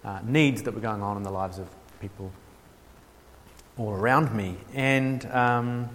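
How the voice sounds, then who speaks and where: A little hiss or hum sits under this New Zealander's lowish, slightly bright voice as he speaks at a measured pace. He's giving an informal theology workshop lecture in a reverberant hall. His delivery is hesitant, with frequent ums and restarts and dry humour aimed at himself.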